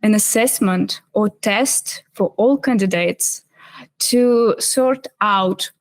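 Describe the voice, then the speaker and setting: A woman's voice: mid-range voice, slow pace. A woman from Russia with a Russian accent, hosting an interview and asking long, hesitant questions. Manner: hesitant, many fillers, laughs often. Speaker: podcast host.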